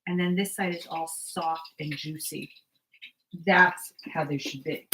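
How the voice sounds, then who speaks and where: A woman's voice: low voice, fairly even intonation, unhurried, fairly bright tone, a little hiss or hum, low-quality recording. A middle-aged woman hosting a casual cooking video, chatting to her viewers as she works in her home kitchen. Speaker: cooking vlogger. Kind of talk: casual live cooking chat. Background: clatter of dishes and pans.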